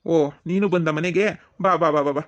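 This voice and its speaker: A man's voice: fairly high pitch, fairly even intonation, unhurried, natural voice. A man playing a teasing village brother in a comedy skit. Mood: defensive. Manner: teasing, mocking sing-song. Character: mocking village brother, young adult man.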